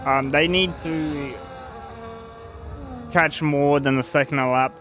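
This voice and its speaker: A man's voice: a little high, fairly even intonation, slow pace, fairly bright tone. A man giving informal live motorsport commentary on a sim race, hesitant and thinking aloud as he goes.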